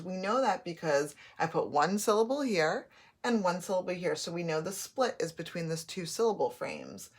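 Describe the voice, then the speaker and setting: A woman teaching a phonics and spelling lesson, patiently sounding out letters and words. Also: lowish voice.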